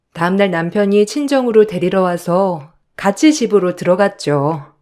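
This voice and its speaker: A woman narrates a listener's story in the first person. Her delivery is calm and conversational, with a middle pitch.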